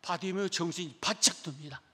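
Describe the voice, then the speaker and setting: A male pastor delivers a dramatic sermon with an unusually high voice, dropping low and then climbing to loud, fervent peaks. A long reverb from the church sanctuary follows every phrase. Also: fairly quick, slightly rough. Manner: dramatic preaching, swinging between soft and loud.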